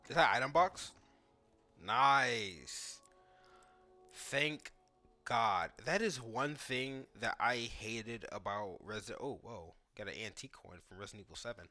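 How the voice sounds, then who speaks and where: Over soft background music, a gaming creator offers casual reactions to a game's cutscenes and gameplay, thinking aloud in informal speech full of "like." His medium-pitched voice is bright and forceful, with lively intonation and a measured pace.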